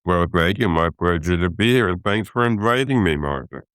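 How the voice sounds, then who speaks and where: A man in his eighties, a guest in an interview, telling stories slowly and reflectively with some hesitations. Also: low-pitched, lively intonation, a bit bright, clean tone, no echo, clean studio sound. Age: 80s. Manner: slow, reflective storytelling with hesitations. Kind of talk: relaxed interview talk.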